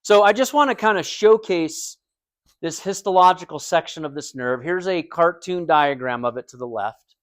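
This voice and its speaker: American male instructor, slightly higher voice, casual explainer, dry close sound. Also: animated, normal speed, no room sound. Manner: conversational, explains with everyday comparisons and check-in questions. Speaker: anatomy and physiology instructor. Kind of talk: recorded lecture.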